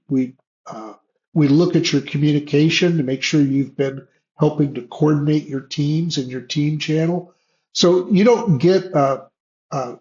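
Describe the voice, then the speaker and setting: A man's voice: fairly high pitch, a little mellow. Man on a choppy video call. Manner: halting, frequent restarts and fillers. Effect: unstable, cutting-out video call connection. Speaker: host of online Q&A session. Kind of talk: casual explanatory talk on a video call. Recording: lo-fi choppy online call audio.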